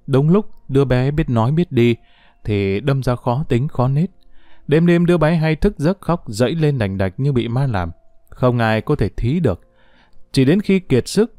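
Guy reading a story out loud, pitch all over the place, mellow dry sound. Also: no room sound. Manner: expressive reading with lively pitch, voicing quoted characters. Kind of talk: scripted narration of a short story.

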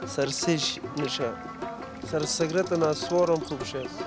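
Halting Afghan Dari man on the street. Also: fairly high pitch, steady tone, music in the background. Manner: short, halting answers. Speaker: interviewee. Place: city street outdoors.

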